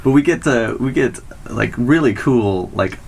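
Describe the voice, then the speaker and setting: A man's voice: medium pitch, lively intonation, a little slow, vocal fry, a little mellow, slight background noise. A man interviewing a guest for student radio, chatty and rambling, full of fillers and restarts. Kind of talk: casual interview.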